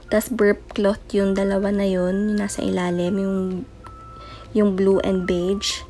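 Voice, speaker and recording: A young woman chatting through a voice-over and mixing in English words as she shows baby items. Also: mid-range voice. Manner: chatty, mixes in English words, soft late-night voice. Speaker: mom vlogger. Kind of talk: casual voice-over show-and-tell. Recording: voice-over with faint music behind.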